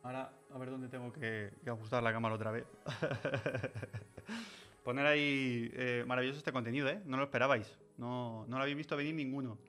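A man's voice: medium pitch, fairly even intonation, moderate pace, fairly bright tone, soft background music. A man chatting playfully on a livestream, joking and laughing often. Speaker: miniature painting streamer. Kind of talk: casual livestream chat.

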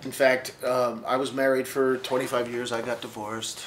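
A man's voice: medium pitch, little pitch movement, moderate pace, rough recording. Older guy talking trucking stories, laid back and dry-humored, faint hiss behind him. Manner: wry, easygoing, drifts quieter as he goes on. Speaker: author and long-haul trucker. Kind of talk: casual interview storytelling. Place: bookstore, seated in armchair.

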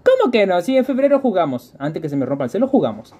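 Lively, husky-voiced streamer. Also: male voice, sits high, fast. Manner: chatty, greets viewers, repeats phrases in bursts. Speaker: game streamer. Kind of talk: live gameplay stream, chatting with viewers.

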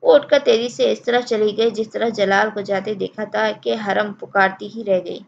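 Brief: female audiobook narrator, measured and even, dull lo-fi recording, faint hiss. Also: medium pitch, creaky. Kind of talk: audiobook novel reading.

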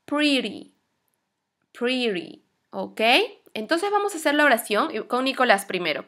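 High-voiced teacher, patient and slow. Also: female voice, fairly bright tone. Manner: patient, repeats model words slowly for the class. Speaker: English teacher. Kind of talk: slow classroom English lesson.

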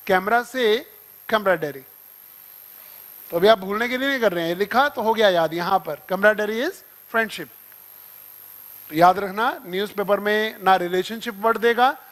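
A man's voice: high-pitched, a bit bright. A man with an Indian accent teaching vocabulary in a classroom, explaining words through playful examples and little acted-out scenes, switching between Hindi and English.

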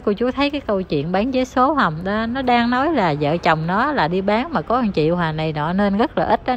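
A woman's voice: medium pitch, muffled recording, a little hiss or hum. A woman, ranting as an online commentator who talks straight to her viewers in a heated, scornful, insulting tone.

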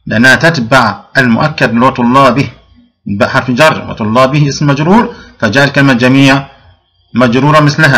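A man's voice: medium pitch, fairly bright tone. A male grammar teacher. He explains a lesson step by step, asks his pupils questions, answers them himself, and often restarts his sentences. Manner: frequent restarts and drawn-out fillers. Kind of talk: recorded classroom lesson.

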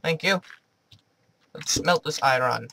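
Man, let's play commentary, slow-paced, jumpy, chats to game monsters. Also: on the high side, vocal fry, pushed and bright, a little hiss or hum. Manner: jumpy, chatty, talks to game creatures. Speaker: gaming video host.

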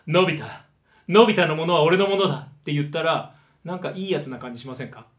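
A middle-aged vocal coach from Osaka talks through a singing lesson and illustrates his points with quick demonstrations. His male voice sits a little high and swings widely in pitch, which gives his teaching an animated feel. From Osaka, Japan.

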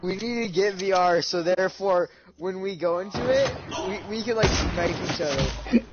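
A man's voice: high voice, normal speed. A man teasing his friend during a casual gaming session. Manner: teasing, laughing. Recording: lo-fi with background noise.

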